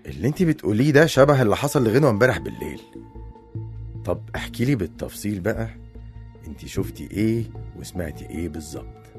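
A man's voice: fairly low pitch, sing-song, fast talker, darkish tone, faint music behind. A man with an Egyptian Arabic accent acting a troubled husband in an audio drama, reassuring his partner. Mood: worried. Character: worried husband recounting a strange attack.

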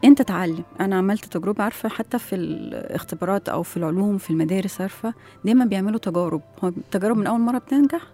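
Rapid, husky Egyptian woman explaining. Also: mid-range voice, mellow, soft background music. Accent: Egyptian Arabic. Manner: explanatory, asks rhetorical questions. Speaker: education expert guest. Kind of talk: explaining in an interview.

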